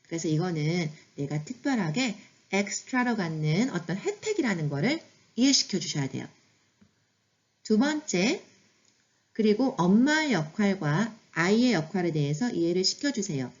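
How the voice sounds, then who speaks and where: A woman's voice: mid-range voice, very animated, normal speed, highs cut off. A woman who is a mother hosting a parenting lesson, explaining situations in a chatty, instructive way before giving set phrases.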